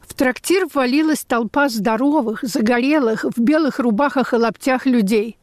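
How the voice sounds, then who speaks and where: A woman's voice: on the high side, moderate pace, a little mellow, no echo. Woman reading a reflective radio essay. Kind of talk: scripted memoir narration.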